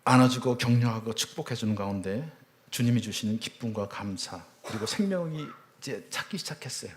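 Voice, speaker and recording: A church elder in his fifties tells his testimony to a congregation. He speaks earnestly, climbing high when moved and falling to a soft near-whisper at tender points. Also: expressive, fairly quick. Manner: earnest storytelling, voice swelling high on emotional peaks; drops to a hushed near-whisper at tender moments. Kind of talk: personal testimony talk.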